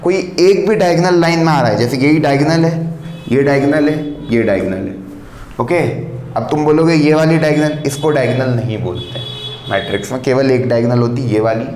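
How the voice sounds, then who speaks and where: A man's voice: medium pitch, a little mellow. A man teaching a maths class at the board, explaining step by step in a mix of Hindi and English and often checking whether the students understood. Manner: explains slowly, mixing Hindi and English, keeps checking "clear?". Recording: roomy classroom echo, faint background noise.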